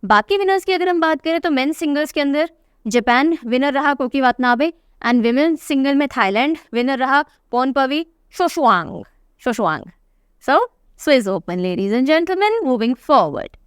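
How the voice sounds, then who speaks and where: A young woman who teaches current affairs leads an exam-prep lesson in a high, lively voice, speaking a little slowly. She is chatty and teasing, repeating key names to drill them in. The studio recording is clean, with no room sound.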